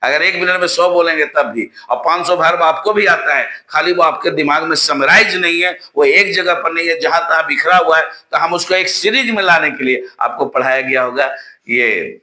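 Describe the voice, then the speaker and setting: A man from Bihar gives a spoken English lesson, talking straight to his students and calling them children. His voice is very bright and a little high. He repeats each drill phrase slowly, and the room has a noticeable echo. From Bihar, India. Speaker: English teacher.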